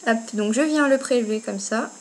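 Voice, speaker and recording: A woman with a fairly high voice talks at a moderate pace while doing a casual, step-by-step makeup tutorial at home. The amateur home video has noticeable background noise.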